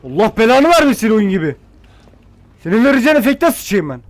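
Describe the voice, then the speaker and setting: A high-voiced man commentating a horror game in a jumpy, cursing way, his pitch swinging wildly between mutters and yelps. Faint hiss sits behind his voice. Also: sing-song, brisk. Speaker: gameplay streamer. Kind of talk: scared gameplay commentary.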